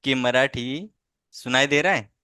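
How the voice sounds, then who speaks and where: A man's voice: mid-range voice, unhurried, bright, forceful tone, smooth, no echo. Patient coaxing male tutor, dry sound. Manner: patient, coaxing, full of tag questions. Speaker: language teacher. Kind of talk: online tutoring lesson.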